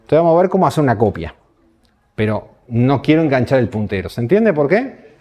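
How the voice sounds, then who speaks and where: A man's voice: medium pitch, sing-song, fairly quick, warm tone. A man with a Rioplatense Spanish accent giving a university programming lecture, explaining step by step and asking the class rhetorical questions. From Uruguay. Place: lecture hall.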